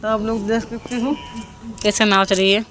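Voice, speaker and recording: A woman's voice: medium pitch, steady tone, normal speed, fairly bright tone. A young woman narrating her home video in a chatty voice-over, often pleading with viewers to comment. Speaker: family vlogger.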